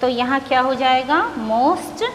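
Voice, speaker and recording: A woman teaching an English grammar lesson, explaining slowly and repeating each word. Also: sits high, lively intonation. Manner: slow, repetitive explaining, mixing English words. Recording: echoey room with faint background noise.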